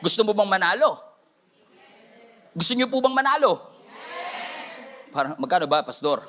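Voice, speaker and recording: A male pastor with a Filipino accent giving an energetic sermon in Filipino and English, with playful asides to the congregation. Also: high-pitched, normal speed, slight background noise.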